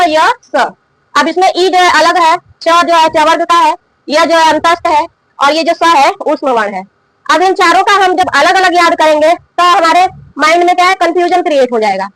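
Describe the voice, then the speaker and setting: A woman with a very high-pitched, fairly bright voice runs a classroom grammar lesson, explaining and drilling by asking herself questions and answering them while repeating key terms. She coughs occasionally. The audio is dry and low quality.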